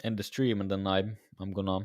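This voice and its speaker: A man's voice: deep voice, flat delivery, a little fast, a little mellow, dry recording, studio quality. A tired man casually talking to viewers during a live trading stream, his voice a little worn. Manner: laid-back, musing, talks to viewers. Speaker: day-trading livestreamer.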